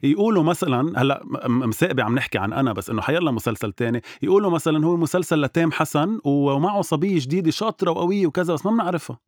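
A man's voice: a little high, lively intonation, racing, a little mellow, dry recording, clean studio sound. A man with a Lebanese Arabic accent hosting a casual interview, rephrasing his questions as he goes. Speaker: interview host.

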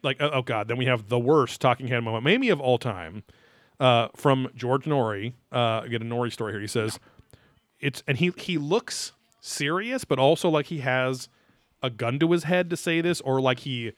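A man in his thirties hosts a podcast, giving a loose, rambling recap of an episode at a moderate pace. His medium-pitched voice is recorded close and dry with no echo. He swears casually and reads quotes aloud theatrically.

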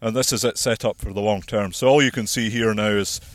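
Male farmer, outdoor walk-and-talk, measured, practical explainer, slightly winded. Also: fairly low pitch, steady tone, dry recording. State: slightly out of breath. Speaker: farmer and landowner. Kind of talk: walking outdoor conversation. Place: outdoors on a hillside plantation.

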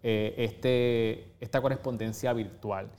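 A man's voice: mid-range voice, steady tone, takes it slowly, darkish tone, long reverb tail. A man hosting a podcast, with an upbeat, salesy delivery. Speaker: podcast host. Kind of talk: podcast intro and interview.

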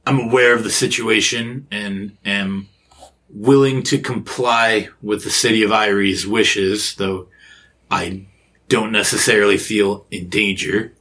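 Curt, evasive ship captain with a lowish voice, read by a game master. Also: male voice, fairly even intonation, measured pace, pushed and bright. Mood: guarded. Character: calm, guarded male ship captain. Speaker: game master voicing a character.

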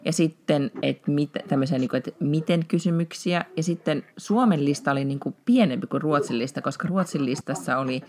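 A low-pitched woman hosting a relaxed podcast chat. She talks freely, laughs often and restarts her sentences as she goes. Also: few pauses. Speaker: podcast host.

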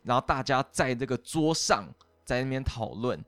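A man's voice: medium pitch, expressive, normal speed, fairly bright tone, no room sound, soft background music. A young man with a Taiwanese Mandarin accent, co-hosting a podcast and explaining English grammar step by step in a chatty way. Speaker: podcast co-host teaching English.

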